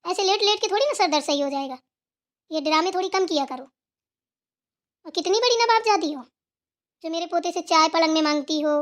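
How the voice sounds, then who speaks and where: A woman voicing a stern elderly grandmother who scolds her daughters-in-law in an authoritative tone. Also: extremely high pitch.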